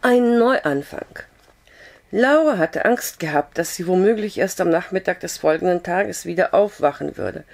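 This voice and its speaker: Hoarse woman reading a novel aloud. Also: fairly low pitch, moderate pace, few pauses. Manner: calm, steady storytelling with occasional slips. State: hoarse with a cough. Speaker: audiobook reader.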